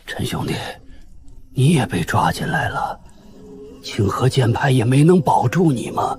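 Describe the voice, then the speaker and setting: A man playing an enraged leader of rogue cultivators, shouting and agitated. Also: medium pitch, huge pitch swings, measured pace. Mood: furious.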